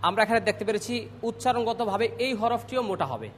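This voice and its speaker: A man teaching Quran pronunciation, drilling letter sounds slowly and clearly and calling on students to repeat after him. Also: high voice, animated, in a large hall, slight background noise. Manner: slow, clear drilling of letter sounds with call-and-response prompts. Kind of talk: classroom pronunciation lesson.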